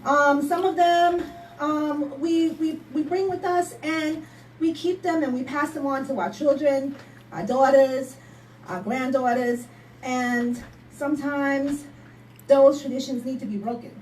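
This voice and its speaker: A woman from Barbados performing a spoken word poem at a live poetry night, in a rhythmic, emphatic delivery that rises into shouts. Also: high voice, steady tone, measured pace, a little hiss or hum. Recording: echoey room from a distance.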